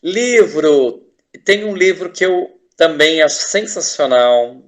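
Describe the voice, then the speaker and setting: A Brazilian man talks as a guest on a casual interview podcast, with a voice pitched a little high. He speaks with eager enthusiasm, rambling, restarting words and tossing in tag questions as he goes. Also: expressive, takes it slowly. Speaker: teacher and artist, podcast guest.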